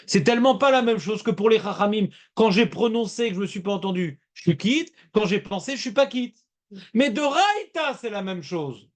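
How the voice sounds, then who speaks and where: A man's voice: high-pitched, animated, moderate pace. A man teaching a Talmud class, talking emphatically and repeating his points as he explains. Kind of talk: lively Talmud class discussion.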